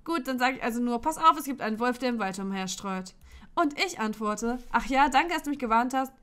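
Woman host, fairly high voice, reads game dialogue playfully with frequent giggles. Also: expressive, a little fast, fairly bright tone. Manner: playful, often breaking into giggles; reads all characters' lines in her own voice. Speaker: Let's Play host. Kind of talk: reading a dating-sim game aloud.

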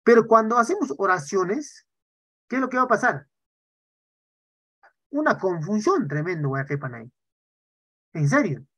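A man teaching a live online Quechua class. He talks in an animated way and keeps checking in with "¿ya?" and "¿no?". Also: high voice, a little slow, long pauses, husky, dry recording. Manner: animated, tags sentences with "¿ya?" and "¿no?". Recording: dull lo-fi online class audio.

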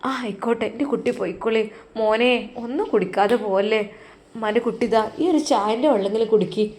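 A woman's voice: on the high side, fast talker, a little mellow, lightly acted. A woman voicing a fretful, loving older village mother who fusses over her guests. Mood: tender. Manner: anxious, fussing, pleading.

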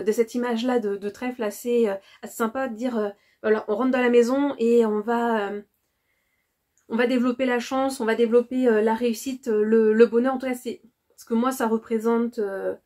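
A woman's voice: a little high, steady tone, normal speed, mellow. A woman from France chatting casually to camera about her haul, often hesitating with fillers and repeating words. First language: French. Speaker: vlogger presenting a shopping haul.

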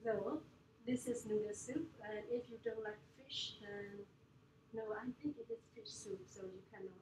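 A woman's voice: medium pitch, normal speed. A woman with a Burmese accent, a native Burmese speaker, giving a casual classroom presentation and laughing often between phrases. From Myanmar. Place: indoor room with an audience. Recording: echoey room, far from the mic, noisy.

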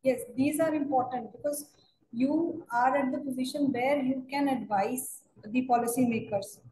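A woman's voice: high-pitched, moderate pace, mellow, a little hiss or hum. A middle-aged woman with an Indian accent speaking as an interviewer on a video call. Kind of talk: interview conversation. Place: plain room, indoors. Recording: roomy echoing video-call audio.

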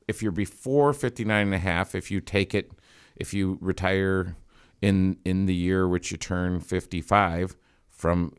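A man's voice: low voice, clean tone, no echo. A man explaining retirement rules on a financial talk show in a studio, in a wry, explanatory way. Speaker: financial advisor guest. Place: radio studio.

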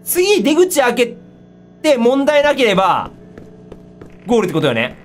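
A woman giving excitable commentary on a horror game, easily startled, often exclaiming and repeating her words. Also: fairly high pitch, unhurried. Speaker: game streamer. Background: music.

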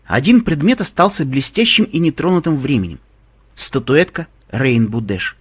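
A man reading a first-person audiobook in an expressive, emotional way. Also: fairly high pitch, breathy edge. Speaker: audiobook reader.

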